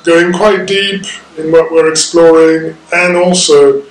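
Middle-aged French man, facilitator, hesitant with fillers, slightly high voice, distant roomy mic. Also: steady tone, slow, faint music behind. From France. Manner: hesitant, many ums and restarts. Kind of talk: recorded video message. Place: sitting room with plant and map, indoors. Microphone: far camera. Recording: roomy audio from a distant camera.

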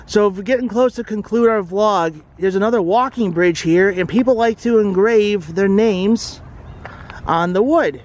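A man's voice: high-pitched, moderate pace, darkish tone. A man hosting a casual travel vlog, narrating a walk around a lakeside forest preserve with chatty, tour-guide commentary. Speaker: vlog host.

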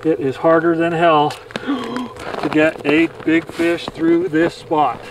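A man's voice: a little high, animated, slow, far from the mic, noisy background. A man hosting an outdoors video, talking on a frozen lake, exclaiming in disbelief and swearing as he lands a fish. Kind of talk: excited outdoor commentary.

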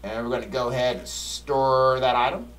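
This streamer sits far from the mic and speaks at normal speed with fairly even intonation. Playing a horror game, he grumbles bluntly in loose, slangy, foul-mouthed commentary, alternating between muttering and shrill, loud exclamations.

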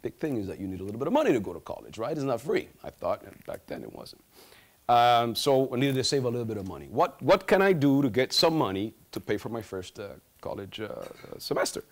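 Man, 30s, lively storytelling speaker on stage, pitch moves a lot. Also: fast. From Guatemala. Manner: animated, gesturing, humorous storytelling. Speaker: student speaker. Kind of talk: stage talk. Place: large auditorium stage.

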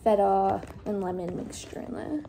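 A woman's voice: medium pitch, animated, moderate pace, creaky, noisy background. A young woman chatting casually while cooking in her home kitchen, with lots of fillers. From Australia. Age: young adult. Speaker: vlogger. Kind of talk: casual cook-along chat. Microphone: phone camera on the counter.

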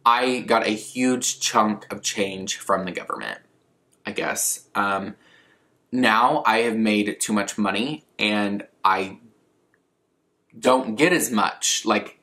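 This man in his twenties speaks slowly in a lowish voice that sounds pushed and bright. Sitting indoors at a living-room coffee table, he chats casually and candidly to camera, rambling self-deprecatingly while answering viewer questions.

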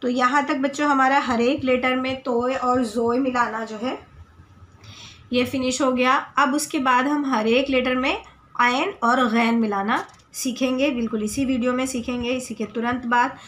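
A woman teaching children Urdu letters, sounding out each one slowly and patiently while she writes on a board. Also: high voice, fairly even intonation, fairly bright tone. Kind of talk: slow letter-by-letter lesson.

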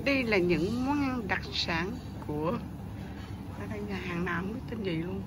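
A woman's voice: medium pitch, animated, a little slow, heavy background noise. A woman narrating her travel vlog in a voice-over and signing off politely and formally to her viewers. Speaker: travel vlogger. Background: loud background music.

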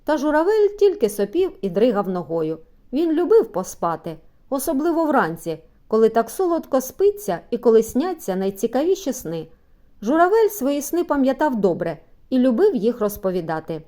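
A woman reads a children's story aloud with an animated, rising and falling voice. Her tone is mellow and warm, and she lifts her voice to give the characters life. It is a steady, scripted audiobook narration. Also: fairly high pitch, normal speed. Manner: lively, expressive reading with voiced dialogue.

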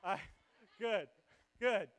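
High-voiced man preaching on a church stage. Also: very slow. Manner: conversational, self-deprecating, explains with asides. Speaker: worship pastor. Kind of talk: sermon. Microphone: handheld or stage microphone.

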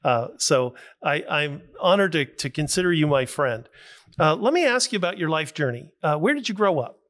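A man's voice: on the high side, expressive, a bit bright, no echo. Older male host, dry studio sound. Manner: measured, many "uh" fillers. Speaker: podcast host. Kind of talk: interview conversation. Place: small studio. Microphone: studio mic with headphones.

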